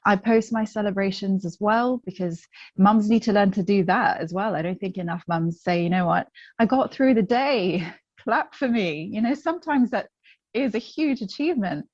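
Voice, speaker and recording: A woman's voice: medium pitch, normal speed, no room sound, dull audio. A woman, a coach, talking as a guest in a casual interview, chatty and candid with frequent ums and restarts. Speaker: guest, positive psychology coach.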